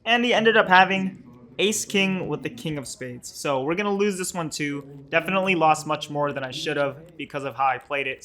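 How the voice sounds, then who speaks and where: A man in his twenties with a fairly high, fairly bright voice narrates a scripted poker vlog. He's the host, and his delivery is casual, matter-of-fact and explanatory.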